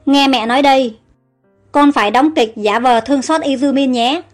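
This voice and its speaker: A woman reading the lines of a scheming, wicked noblewoman who gloats and plots in hushed tones, in a storybook narration. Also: high voice, moderate pace, soft background music, lightly acted. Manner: gloating, conspiratorial. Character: scheming wicked middle-aged aunt, gloating.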